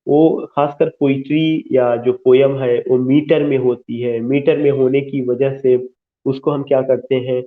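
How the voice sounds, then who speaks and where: A man's voice: mid-range voice, flat delivery. Man teaching a class over tinny audio. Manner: explains slowly, repeats key terms, mixes English into Hindi. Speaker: English literature teacher. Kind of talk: online class lecture.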